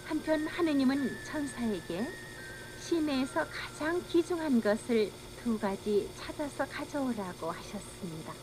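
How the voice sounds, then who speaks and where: A woman reading scripted children's storybook narration in a measured, earnest manner on an old cassette. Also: fairly high pitch, background noise. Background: music.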